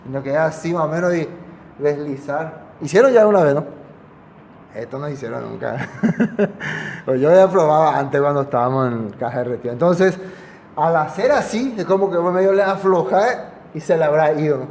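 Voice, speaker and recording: A man's voice: on the high side, animated, normal speed, darkish tone, big-room sound, slight background noise. A man teaching a Bible passage to a small congregation in a conversational way, often checking that his listeners follow. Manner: conversational, asks the listeners for agreement. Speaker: preacher.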